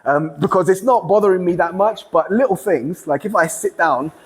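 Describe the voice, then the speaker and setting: A man in casual podcast chat, telling stories with lively energy, laughing often and restarting sentences. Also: high voice, normal speed, long reverb tail, slight background noise. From England. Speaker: grappling competitor, guest.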